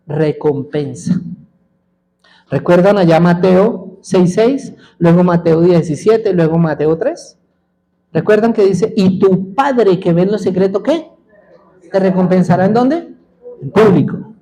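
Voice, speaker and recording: A male pastor preaching a sermon in a church, with a high-pitched voice for a man. His tone is mellow and soft-edged rather than bright. He asks the congregation questions and leaves gaps for them to call back the answers. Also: rough recording. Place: church sanctuary.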